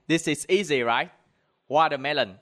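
A young man with a Southern Vietnamese accent, teaching a language lesson with deliberate word-by-word enunciation into a handheld microphone. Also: fairly high pitch, a bit bright. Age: young adult. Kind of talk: language lesson, slow repeat-after-me drilling.

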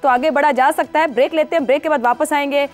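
Lady hosting a tv talk show, high voice, formal and steady. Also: fast talker, soft background music. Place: TV studio.

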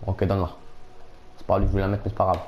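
A young man commentating his own football video game match, excitable and quick to shout and repeat himself. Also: low voice, highs cut off. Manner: excitable, shouts at big moments, repeats phrases rapidly. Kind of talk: casual live gameplay commentary.

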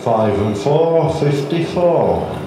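Slow singsong bingo caller, big echoey hall. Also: male voice, medium pitch, expressive, background noise. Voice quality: measured, sing-song calling. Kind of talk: bingo calling.

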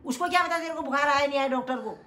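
A woman's voice: high-pitched, very fast, very noisy. A woman, a mother, coaxing and scolding her child at home in casual talk. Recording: voices chattering behind.

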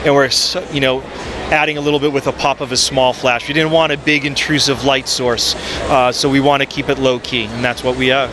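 A man in his forties giving an upbeat sales pitch for his product on a handheld mic, with frequent ums, in a busy expo hall. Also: flat delivery, brisk. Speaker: photo booth maker. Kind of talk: trade show product pitch. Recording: noisy trade show floor.

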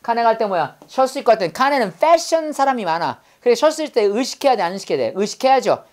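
Animated woman teacher drilling vocabulary. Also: on the high side, fast talker. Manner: drills students with call-and-repeat prompts; playful memory-trick explanations. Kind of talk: classroom vocabulary lesson.

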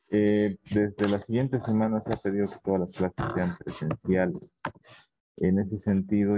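A man's voice: sits low, warm tone, slightly rough, no room sound, muffled recording. A man teaching a university class online, explaining plans and checking in with the students often. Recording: noisy class recording.

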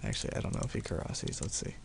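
A man's voice: rapid-fire, a little hiss or hum. A young man giving casual, profane gameplay commentary at his computer, laid-back and laughing often. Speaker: gaming video host.

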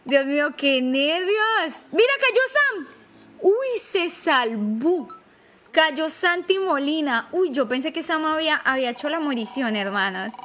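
A woman streaming live to her chat, commentary full of excitable, nervous exclamations. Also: high voice, a little slow, a little hiss or hum.

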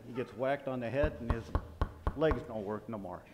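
A man playing a loyal, grumbling mob henchman in a stage comedy, blunt and deadpan. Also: mid-range voice, moderate pace, close to an everyday voice. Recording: very noisy stage recording.

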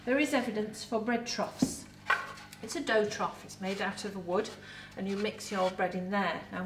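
A middle-aged woman with an English accent, a museum educator in costume, giving a lively, chatty talk to camera about food with props in an indoor set. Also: medium pitch, noisy background. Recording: roomy echo, voice from a distance.

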